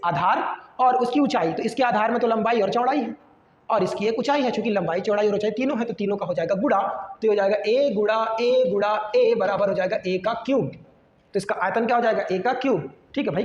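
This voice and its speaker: A male teacher explains a math lesson and keeps asking the class questions that he answers himself. His voice is recorded in a roomy space with a long, ringing reverb. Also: high-pitched. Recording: echoey room with long reverb.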